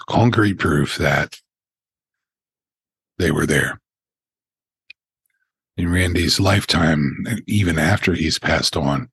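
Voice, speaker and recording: An older man hosts a paranormal countdown podcast in a voice that is very deep and rough with fry. His tone is husky, and he tells his stories at an unhurried pace, with asides. The sound is dry and close to the mic. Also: a bit bright, no echo. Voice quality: very deep gravelly voice. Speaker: podcast host.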